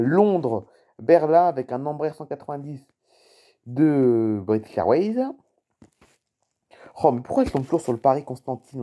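This is a man with a mid-range, dark-toned voice offering casual commentary on a screen recording of a live flight map. He reads off cities and aircraft, talks with his viewers, and gets puzzled by unfamiliar place names.

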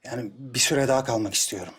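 A man's voice: medium pitch, fast talker, fairly bright tone, a little hiss or hum, close to an everyday voice. An actor playing a young husband who evades and soothes his upset wife in a TV drama. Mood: placating. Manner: soothing, evasive. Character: harried young husband, placating, evasive. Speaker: son and husband. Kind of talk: TV drama acting.

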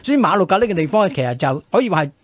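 A male radio co-host with a Hong Kong Cantonese accent tells history in a conversational style. His husky voice sits slightly high, swings widely in pitch and moves rapidly. The recording sounds dry and close.

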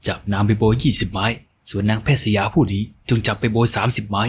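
Audio-drama role: male narrator as a haughty young lord, low and harsh, curt with contempt. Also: flat delivery, quick pace, slight background noise, lightly acted. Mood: cold, scornful. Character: cold, domineering young male household master.

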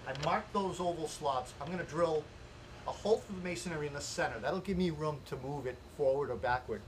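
A higher-voiced carpenter hosting a home improvement series talks briskly through an informal, hands-on how-to, plain-spoken and step by step. He's outdoors in a house yard, and the noisy camera audio picks up plenty of ambient sound.

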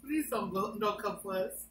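A woman's voice: medium pitch, moderate pace. A middle-aged woman hosting a casual family chat at home, teasing playfully and tagging her lines with a joking "eh?" and "fool". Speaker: channel host. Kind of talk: casual family chat, mock tough-girl slang. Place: home, indoors. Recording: echoey room, far from mic, faint hiss.

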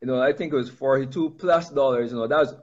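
Energetic man hosting a video-call interview. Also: medium pitch, quick pace. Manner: energetic, hypes the guest, says "you know" a lot. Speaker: host, interviewer. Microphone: webcam or phone on a video call. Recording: slightly muffled video-call audio.

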